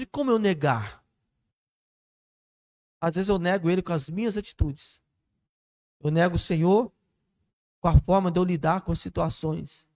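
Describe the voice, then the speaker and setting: Male pastor, Minas Gerais accent, high tenor, fervent church sermon with swells of volume. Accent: Brazilian Portuguese, Minas Gerais. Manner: fervent preaching that rises and drops in volume.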